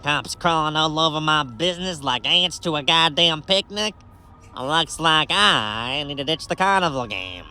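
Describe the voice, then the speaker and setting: An actor playing a crude, self-important, griping carnival game operator in a video game. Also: male voice, fairly high pitch, lively intonation, a little slow, sharp tone, exaggerated voice. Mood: disgruntled. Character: grumbling, crude male carnival game boss.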